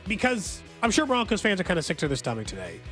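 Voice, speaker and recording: A man co-hosting sports radio with animated, casual banter. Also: high-pitched, fast, soft background music.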